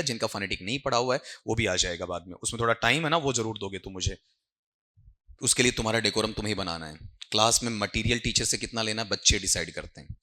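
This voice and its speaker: A man's voice: on the low side, bright, forceful tone. A male teacher giving an exam-prep lecture, often quizzing his students and checking "ठीक है". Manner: questioning students, repeating "ठीक है".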